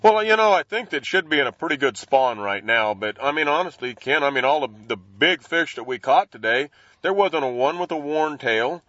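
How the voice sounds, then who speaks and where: A man's voice: a little high, animated, moderate pace, a bit bright, no echo, muffled recording. A man speaking as an interview guest in casual, folksy, slangy language, explaining things informally. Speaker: professional angler, interview guest.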